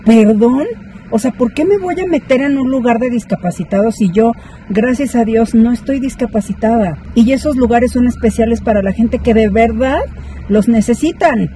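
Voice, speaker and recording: A woman's voice: a little high, moderate pace, warm tone, poor audio. A woman telling a story to her viewers in a chatty, indignant vlog. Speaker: vlogger. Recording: clear background noise.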